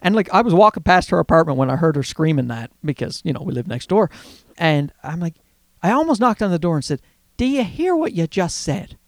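A man with a Newfoundland Canadian accent, hosting a podcast as a casual, rambling comedic monologue with animated, exasperated storytelling. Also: fairly high pitch, fast, dry recording. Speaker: podcast host.

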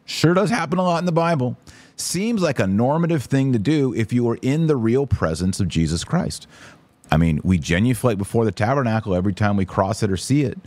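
Here a male podcast host and author does casual livestream commentary, going through viewer comments and talking right to the audience in a blunt, conversational way. His voice is medium-pitched, brisk and a little mellow, with lively intonation and no room sound.

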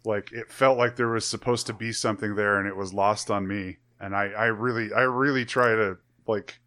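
Male co-host, bright and forceful tone, rambly, full of "like". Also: on the low side, steady tone, normal speed. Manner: rambling, with many "like" fillers and restarts. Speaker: podcast co-host. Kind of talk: casual review chat.

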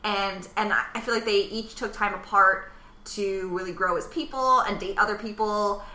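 A woman co-hosting a podcast in casual chat, thoughtful and pausing with frequent ums. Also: medium pitch, steady tone, bright, forceful tone. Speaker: podcast co-host. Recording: roomy echo.

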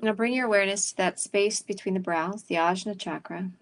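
Gravelly-voiced woman guiding a meditation. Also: medium pitch. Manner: slow, calm and soothing, with pauses between phrases. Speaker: meditation guide. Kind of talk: guided meditation.

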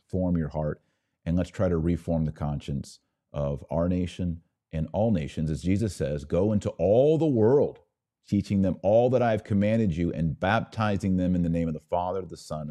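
Deep-voiced and dark in tone, a man leads a religious podcast with sincere exhortation. Like a preacher before his listeners, he repeats key points deliberately.

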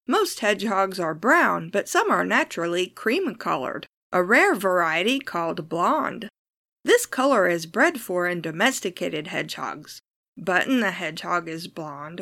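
A woman's voice: lowish voice, gravelly, fairly bright tone, dry recording. A woman hosting a podcast, reading scripted nature documentary style narration with casual, playful asides and dry humour. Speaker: podcast host.

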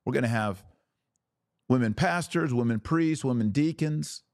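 Speaking a little slowly in a mid-range voice, a man preaches his opinionated religious views on a podcast. He is emphatic, throwing in rhetorical questions and sarcastic asides. The studio recording is clean, with no room sound.

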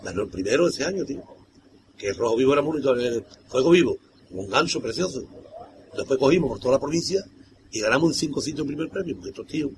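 An older man rattles along quickly in an interview, loose and colloquial, circling back on himself. His pitch sits in an ordinary middle range. Clear background noise and ambient sound sit under his voice. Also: animated. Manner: rambling, colloquial, keeps saying "tío". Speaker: carnival troupe singer.

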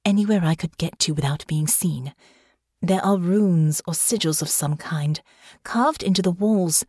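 A woman voicing a blunt, sharp-tongued young woman who speaks tartly and often keeps her voice hushed. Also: lowish voice, unhurried, husky, no room sound, clean studio sound. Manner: tart, snappish, hushed.

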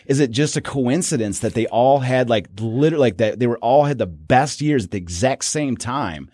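A man's voice: medium pitch, animated, normal speed, warm tone, no echo, studio quality. A man co-hosting a casual sports history podcast, rambling with many restarts. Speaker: podcast co-host.

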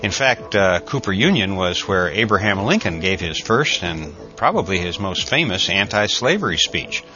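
An older American man giving a conversational, reflective introduction in a measured storytelling way, like a podcast host. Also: sits low, expressive, pushed and bright, dull audio, soft background music. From United States.

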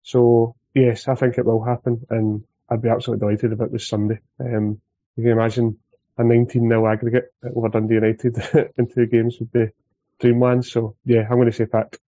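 Male Scottish podcast guest, relaxed dark tone, little pitch movement, casual football talk, dry lo-fi sound. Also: brisk, dry recording.

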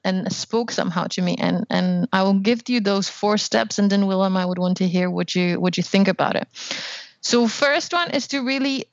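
A woman's voice: mid-range voice, no room sound. Academic woman on a podcast, keeps asking "right?", dry muffled sound. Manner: thoughtful, hedging with "right?" and "you know". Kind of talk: casual academic discussion.

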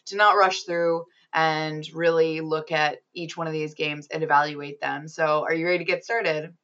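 A woman's voice: low-pitched, fairly even intonation, moderate pace, fairly bright tone, dull audio. A woman hosting a casual gaming podcast, chatty and upbeat with frequent ums. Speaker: podcast host.

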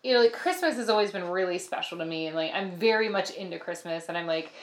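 A woman co-hosting a casual chat, animated, laughing often and swearing freely. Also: fairly low pitch, quick pace. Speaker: podcast co-host. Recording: roomy echo.

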